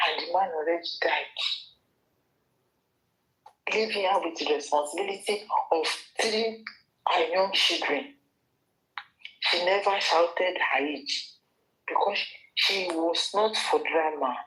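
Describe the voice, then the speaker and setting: A woman's voice: on the low side, a bit bright, rough recording. A woman with a Nigerian accent giving an opinion commentary vlog, scolding the person she talks about and addressing her directly. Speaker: gossip commentator.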